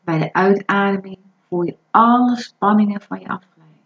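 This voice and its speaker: A woman guiding a breathing meditation in a calm, soothing, instructive way. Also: mid-range voice, normal speed. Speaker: meditation guide. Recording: dull lo-fi recording.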